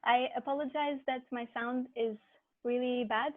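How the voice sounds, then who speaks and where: A woman teaches an online movement class over a video call, her high voice steady in tone and moderate in pace. She comes across as friendly yet hesitant, with frequent fillers and small laughs. A cheap headphone mic makes the sound muffled and tinny, as if heard through a wall.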